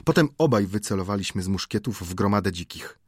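A man reading an adventure novel aloud as an audiobook narrator, in a measured, dramatic storytelling manner. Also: on the low side, expressive, husky, no room sound, clean studio sound.

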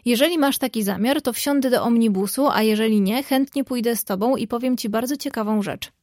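A woman's voice: fairly high pitch, brisk, a little mellow, dry recording, natural voice. A woman voicing a playful, teasing young man in a read-aloud story, speaking lightly to a close friend.

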